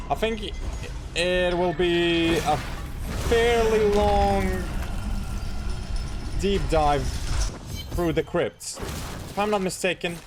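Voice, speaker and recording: A man's voice: a little high, noisy background. A man hosting a gameplay video with casual commentary, musing to himself as he plays. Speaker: gaming video host. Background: loud game music.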